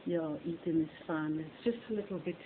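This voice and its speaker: A middle-aged woman with a Flemish Belgian accent rambles fondly through a home vlog, calling everything lovely. Her voice sits on the low side and sounds thin and tinny, like a phone line. Clear hiss and hum from a cell phone hang behind her. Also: fairly quick. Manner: chatty and rambling, fond of the word lovely. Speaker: reborn doll hobbyist. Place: bedroom at home. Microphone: phone camera on a stand.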